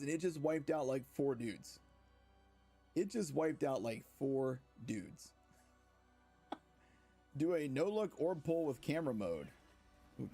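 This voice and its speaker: Excitable male streamer, gravelly voice, faint music under it. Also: a little high. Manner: excited, laughing, talks to viewers. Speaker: game streamer. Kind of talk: live gameplay commentary.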